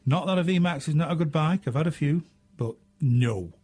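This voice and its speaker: Man, northern English accent, radio host, husky voice, chatty and self-mocking. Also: on the high side, normal speed, a little mellow. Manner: chatty, self-mocking, frequent ums and uhs. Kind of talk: casual radio chat answering listener questions.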